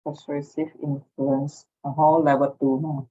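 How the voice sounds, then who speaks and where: A woman's voice: low-pitched, flat delivery, a little slow, dark tone. A woman with a Malaysian accent chatting casually in Singlish-style English mixed with local words, on a dull recording. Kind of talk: casual chat. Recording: dull, lo-fi sound.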